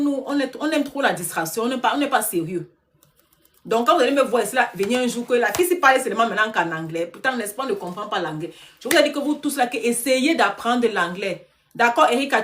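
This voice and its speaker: Preachy woman coach pitching on a live stream. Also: fairly bright tone. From Africa. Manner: exhorting, preachy, addresses viewers directly; drops English phrases into her talk. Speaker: online business coach.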